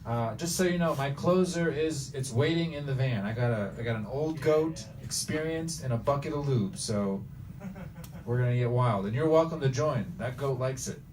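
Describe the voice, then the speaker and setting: A man's voice: medium pitch, moderate pace, darkish tone. A man doing crude, brash stand-up for people in a game store. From Bosnia. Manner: brash, provoking the crowd. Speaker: stand-up comedian. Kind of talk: crude improvised stand-up in a shop. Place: retro video game store. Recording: far from the mic, noisy store.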